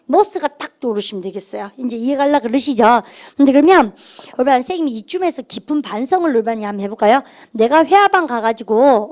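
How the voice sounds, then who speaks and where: High-voiced middle-aged lady teacher, lively classroom lecture, makes the class repeat after her. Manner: animated, drills students to repeat aloud. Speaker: English grammar teacher.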